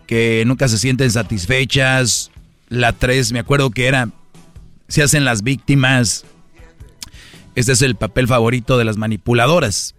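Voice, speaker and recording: A man's voice: mid-range voice, a bit bright. A man hosting a radio comedy show, giving rambling, slangy relationship advice straight to his listeners.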